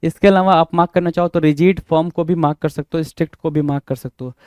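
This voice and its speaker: A man with an Indian accent teaches exam vocabulary in a mellow, fairly high voice. He repeats every word, spells it out letter by letter, and keeps quizzing the class. The sound is close and dry, with no room echo. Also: fairly even intonation, fast, clear, resonant tone. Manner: repetitive, spells words letter by letter, quizzes listeners. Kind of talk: exam-prep vocabulary lesson.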